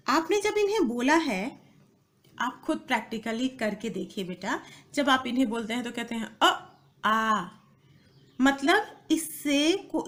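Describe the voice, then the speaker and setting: Slow, patient Hindi teacher, a woman. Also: sits high. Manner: slow, patient, repeats key phrases and asks pupils questions, calls them "beta". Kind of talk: classroom lesson to children.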